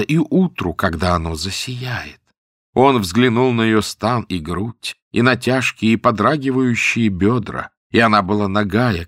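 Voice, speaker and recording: A man narrating classic tales as an audiobook reader, in a measured storytelling manner that slows for key words. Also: on the low side, a bit bright, no room sound, clean studio sound.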